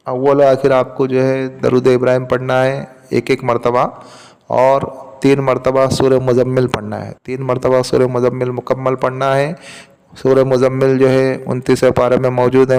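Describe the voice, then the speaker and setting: Flat-voiced man teaching a spiritual remedy. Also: mid-range voice, creaky, smooth, big-room sound. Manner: repetitive, explaining step by step. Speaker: religious teacher.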